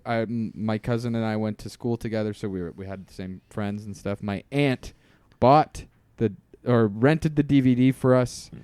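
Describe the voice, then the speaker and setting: Co-host, thirties male from Canada, smooth resonant voice, blunt crude humor, dry close mic. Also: fairly low pitch, normal speed, hardly any pauses, darkish tone, no room sound. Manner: blunt, crude jokes, trailing mutter. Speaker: podcast co-host. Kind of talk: casual chat.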